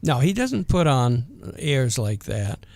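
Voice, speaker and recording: Slow, creaky older man, Vermont twang. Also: mid-range voice, sing-song, a little mellow, no echo. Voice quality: natural rural twang. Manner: hesitant, folksy, unhurried. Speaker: interview guest. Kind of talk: casual conversational reminiscing.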